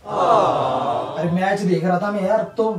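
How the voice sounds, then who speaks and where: A man's voice: sits high, expressive, takes it slowly. A husband pleading and placating his angry wife during an argument at home. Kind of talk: defensive argument. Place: home bedroom. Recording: echoey room, far from mic, music behind.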